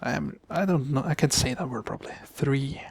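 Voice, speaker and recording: A young man from Norway, a native Norwegian speaker, narrates gameplay casually in English, halting and often stopping to fix what he said while muttering asides under his breath. His mid-range voice is creaky and darkish, with a little hiss or hum in the recording.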